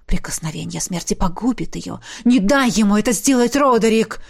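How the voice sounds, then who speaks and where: A woman reading an audiobook, voicing a sly, spiteful male creature of chaos who taunts in a low whisper. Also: lively intonation, moderate pace, creaky. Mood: urging.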